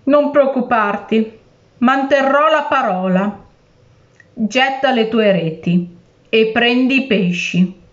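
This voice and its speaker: A woman's voice: fairly high pitch, takes it slowly, lo-fi sound. A woman reading aloud and voicing a cruel, tricky male genie who threatens and wheedles in turn. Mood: mocking.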